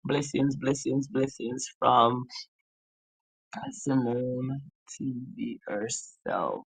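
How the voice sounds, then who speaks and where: A woman's voice: very deep voice, extremely slow, creaky, no room sound, poor audio. A woman hosting a live stream in casual chat, teasing her viewers and laughing often. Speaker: livestream host.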